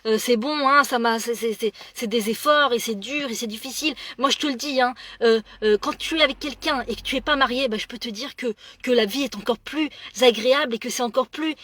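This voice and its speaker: A middle-aged woman telling a story in a lively monologue, acting out the voices of the people in it and often repeating words. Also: on the high side, no room sound. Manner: animated, acts out dialogue, many repeated words. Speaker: religious speaker.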